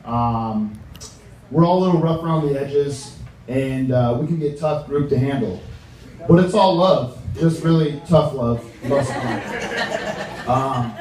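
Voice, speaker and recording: A young American man giving an informal wedding toast as best man, halting and joking, with slangy wording. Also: fairly high pitch, darkish tone. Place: large reverberant room with a reacting crowd. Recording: echoey room, distant mic, audience noise.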